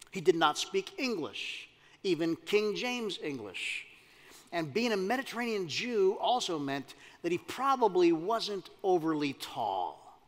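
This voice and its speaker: A man delivers a sermon in a church sanctuary, his voice sitting high for a man. He keeps it conversational, often putting questions out to the congregation. A long reverb trails each phrase. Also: fairly bright tone. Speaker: pastor.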